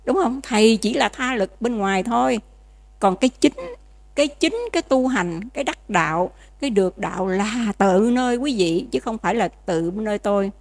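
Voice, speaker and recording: A nun, giving a dharma lecture in a conversational way and often checking that listeners follow. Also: female voice, mid-range voice, normal speed. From Vietnam. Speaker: Buddhist nun teaching.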